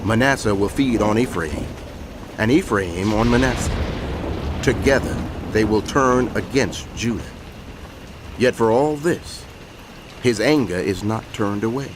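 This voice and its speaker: A man giving a solemn, declamatory dramatized scripture reading with deliberate pauses. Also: lowish voice, background noise. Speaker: scripture narrator. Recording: music bed under the voice. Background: background music.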